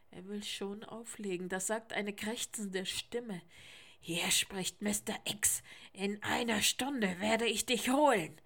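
A woman narrating a children's story in a lively, expressive reading style. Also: mid-range voice.

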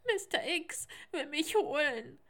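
A woman's voice: on the high side, lively intonation, a little slow, voice pushed up. A woman doing a frightened young schoolboy.

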